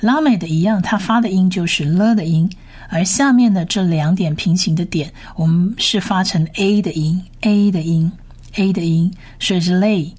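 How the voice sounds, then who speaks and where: Lady teacher with a lowish voice, sounds out each letter slow and says it again and again. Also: a little mellow. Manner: spells out each sound and repeats it slowly. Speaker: Hebrew teacher. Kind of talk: slow reading lesson.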